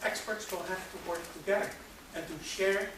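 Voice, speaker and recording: Measured speaker in a very echoey hall. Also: mid-range voice, steady tone. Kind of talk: conference talk. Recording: very echoey hall, far from mic, noisy.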